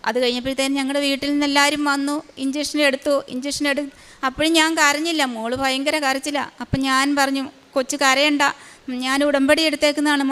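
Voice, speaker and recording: A middle-aged woman tells her story in a high voice that stays level, without much rise and fall. She pauses often and fills the gaps with small sounds as she works through each part. It is an unpolished spoken testimony. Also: fairly bright tone. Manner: slow, halting retelling with frequent fillers. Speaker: testimony giver at a shrine.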